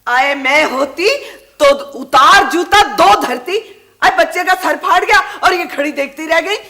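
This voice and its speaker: An actress playing a sharp-tongued mother and daughter-in-law in an old TV sitcom, scolding and cursing at the household. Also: high-pitched, measured pace, heavily acted.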